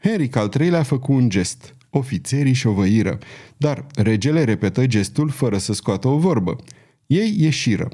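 A man giving a dramatic, expressive reading as an audiobook narrator. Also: mid-range voice. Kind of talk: scripted narration.

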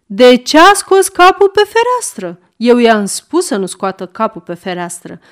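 A woman's voice: fairly high pitch, sing-song. A woman reading aloud and voicing a stern young man who scolds a child with spite. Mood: spiteful.

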